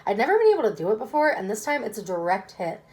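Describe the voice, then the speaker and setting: A woman's voice: mid-range voice, very animated, fast, a little mellow. A woman reading a children's novel aloud expressively, as first-person narration. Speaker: reader.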